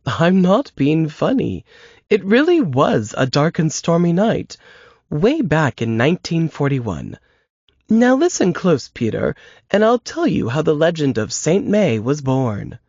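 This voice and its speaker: In a heavily acted, very animated performance, a woman voices an elderly storyteller at an assisted living home, slyly and spryly coaxing her great-grandson to listen with a teasing, conspiratorial folksy drawl. The deep, darkish voice moves at a measured pace in dry, dull lo-fi podcast audio with no room sound.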